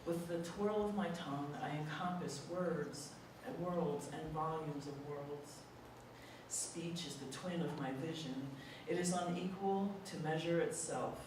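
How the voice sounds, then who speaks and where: A reader at a group poetry reading, delivering the verse deliberately and expressively. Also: mid-range voice. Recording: echoey hall, mic far off, audible room noise.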